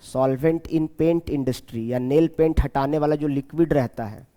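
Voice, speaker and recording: A man teaching a chemistry class, repeating key terms slowly and asking his students questions as he goes. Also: a little high, mellow, big-room sound. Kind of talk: classroom lecture.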